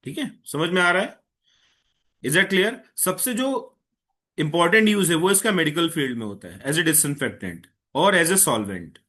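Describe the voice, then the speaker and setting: A man teaching a chemistry lesson. His voice is fairly high and bright, and he mixes Hindi with English phrases. He is patient and keeps asking the class if they understand. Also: expressive. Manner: Hindi mixed with English, checks understanding often; patient, tells an eager student to slow down. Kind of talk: online class lecture.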